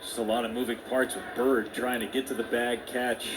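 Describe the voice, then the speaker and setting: A man announcing baseball play-by-play in a steady, measured way, with brief asides to his partner. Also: medium pitch, background noise. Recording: broadcast with clear ballpark ambience.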